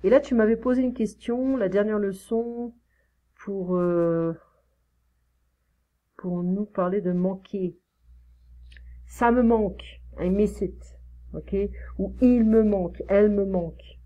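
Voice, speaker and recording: A French woman tutoring French one-on-one, explaining slowly with many fillers and modelling pronunciation. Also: medium pitch, fairly even intonation, mellow. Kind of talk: one-on-one online French lesson.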